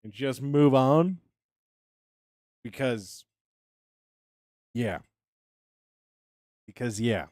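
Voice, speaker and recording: A man in his thirties live-streams a building game, chatting to himself and his viewers while humming filler syllables and repeating words as he works. His mid-range voice is darkish and extremely slow with frequent pauses, recorded dry with clean studio sound.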